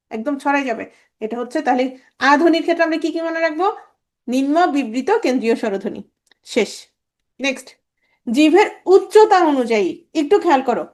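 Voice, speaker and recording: A woman teaching a grammar lesson, drilling sounds over and over and quizzing her students with quick questions. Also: high voice, darkish tone. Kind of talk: grammar lecture.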